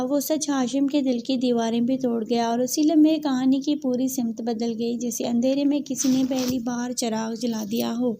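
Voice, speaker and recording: High-voiced woman narrating a novel. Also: warm tone, slight background noise. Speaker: storyteller.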